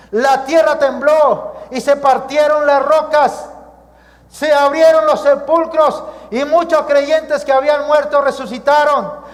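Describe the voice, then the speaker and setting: High-voiced Colombian pastor preaching in a hall. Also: male voice. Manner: preaching with rhetorical questions, addressing "mis amados". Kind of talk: sermon. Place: church sanctuary. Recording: church hall reverb.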